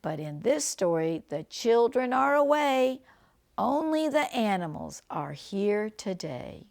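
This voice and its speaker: An older woman reading a picture book aloud to children like a grandmother, phrasing things deliberately and chatting about the pictures. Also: on the high side, very animated, gravelly, darkish tone. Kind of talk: read-aloud storytelling with chatty asides and animal sounds.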